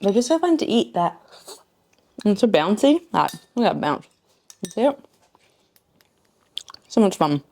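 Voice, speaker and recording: A woman's voice: mid-range voice, very animated, a little slow, gravelly, pauses often, a little mellow. A woman hosting a home cooking video, chatting playfully and joking as she plates a dessert in her kitchen. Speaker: cooking show host. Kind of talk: casual cooking demo chat.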